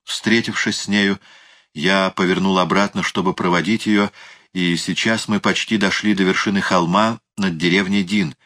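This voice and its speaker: Low-voiced man reading a novel aloud. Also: moderate pace. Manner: emotive, expressive reading. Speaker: audiobook reader. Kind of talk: dramatic first-person audiobook narration.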